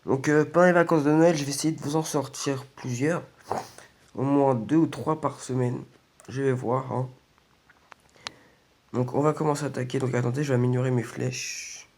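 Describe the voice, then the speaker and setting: A man's voice: medium pitch, fairly even intonation, normal speed, pauses often, a little mellow, a little hiss or hum. A man casually commentating on a video game, his voice weak and congested from a sore throat. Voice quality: slightly croaky, strained by sore throat. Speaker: gaming video host.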